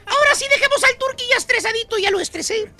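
A man's voice: very high voice, fast talker, pushed and bright. A man hosting a comedy radio show, teasing his cohost and acting out characters' lines in quoted voices. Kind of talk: comic radio monologue. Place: radio studio.

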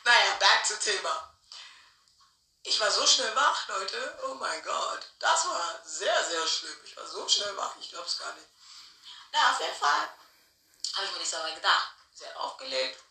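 Chatty woman with a sharp, roomy sound. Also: medium pitch, unhurried. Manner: chatty, animated, laughs often, tag questions. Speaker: vlogger telling a personal story. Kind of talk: casual storytime chat. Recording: roomy sound from a distant mic.

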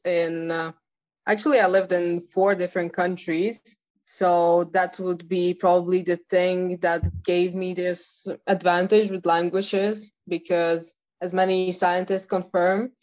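This eighteen-year-old Ukrainian woman, a native Russian speaker and polyglot, is a guest on a podcast. Her voice sits fairly low and sounds a little mellow. She answers interview questions quickly, full of fillers and restarts.

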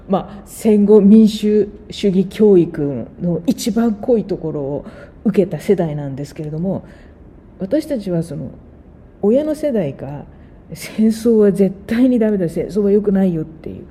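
A woman's voice: lowish voice, dark tone, a little hiss or hum. A woman in her sixties interviewing a guest, speaking earnestly and reflectively and building each point with repeated emphasis.

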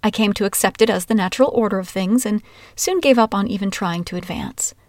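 A woman from Washington state tells her own life story with a wry, candid delivery that shifts between humor and hurt. Her pitch sits mid-range for a woman, and the recording is dry and close. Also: a little fast, a little mellow, no room sound. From Washington, USA. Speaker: memoir narrator. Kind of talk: first-person storytelling.

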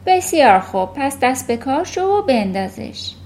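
A woman doing a gentle, kind teacher. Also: high voice, very animated, slight background noise. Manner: gentle, patient.

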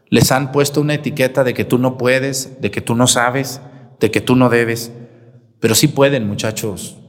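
A man with a Mexican Spanish accent who preaches as a priest at mass, speaking to his listeners in a folksy, emphatic way. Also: mid-range voice. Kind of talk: sermon during live-streamed mass. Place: church. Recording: reverberant church.

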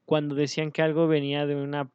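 A man's voice: on the high side, monotone, fast talker, a little mellow, clean tone, no room sound, lo-fi sound. A Mexican man co-hosting a casual podcast, joking in slang and reading out word definitions. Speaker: podcast co-host. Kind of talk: casual chat.

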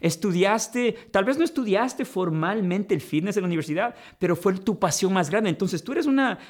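This man hosts a conversational interview in a high voice with lively intonation and a moderate pace. A podcast host and life coach, he sounds reflective and coaching, often saying "mira" and calling his guest brother.

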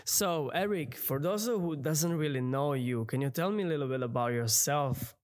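A man's voice: fairly high pitch, moderate pace. A man hosting a podcast, upbeat and eager, with non-native grammar in his casual interview chat. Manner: non-native phrasing, enthusiastic. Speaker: podcast host.

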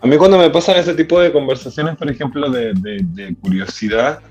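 A young Chilean man chatting casually, cheeky and animated, putting on mocking replies. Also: mid-range voice, a little fast, faint music behind. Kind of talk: casual chat.

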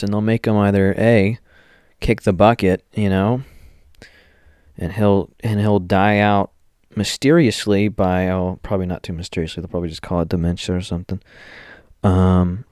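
A man's voice: lowish voice, dark tone, no room sound, studio quality. A young man hosting a solo podcast, rambling and joking as he thinks aloud. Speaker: podcast host. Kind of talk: casual solo commentary.

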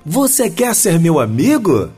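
A man's voice: a little high, wildly swooping pitch, measured pace, dark tone, slightly rough, faint music behind, heavily acted. A man voicing a lonely, friendly young male elephant in a children's story, talking in an eager, pleading way. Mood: hopeful.

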